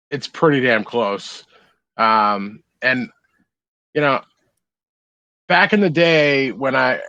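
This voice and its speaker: A man's voice: medium pitch, fairly bright tone. A man co-hosting a podcast, telling about his grow in a blunt, laid-back way with plenty of swearing. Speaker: podcast co-host. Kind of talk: casual chat.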